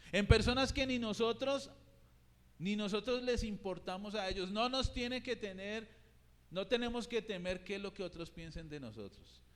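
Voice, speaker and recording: High-voiced pastor preaching. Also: male voice. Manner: fervent, storytelling preacher. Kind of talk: sermon. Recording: reverberant church hall.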